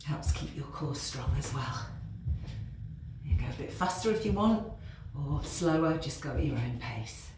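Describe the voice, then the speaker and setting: A woman with a very deep, animated voice speaks unhurriedly, cueing workout moves as she exercises along and gets out of breath. The room is very echoey, with faint noise.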